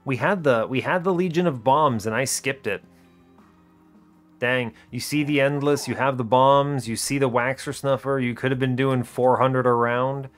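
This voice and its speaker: In a mid-range voice at a moderate pace, a male host muses over his game strategy. His remarks are short, colloquial and drily casual, with game music in the background.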